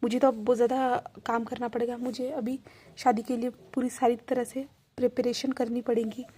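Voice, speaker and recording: A woman's voice: on the high side, little pitch movement, moderate pace, dark tone, slight background noise, lightly acted. A woman voicing a doting middle-aged mother who fusses and repeats endearments. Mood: bustling.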